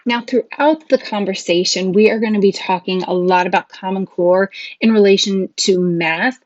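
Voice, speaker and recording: A woman's voice: mid-range voice, a little mellow, no room sound. Woman, podcast host, upbeat, earnest, dry close sound, a bit muffled. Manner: earnest, upbeat, frequent laughs. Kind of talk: casual podcast interview.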